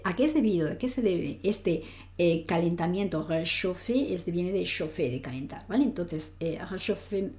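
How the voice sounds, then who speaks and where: Woman, French teacher, online grammar lesson, patient, explanatory, lowish pitch, dark mellow tone. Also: slight background noise. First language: Spanish. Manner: patient, explanatory, frequent "¿vale?" check-ins; reads French example sentences aloud.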